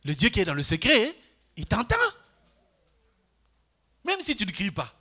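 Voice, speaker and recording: Older male pastor, high bright voice, lively Bible study sermon to his church. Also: moderate pace, husky. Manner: animated, asks the congregation questions, swings from loud to quiet.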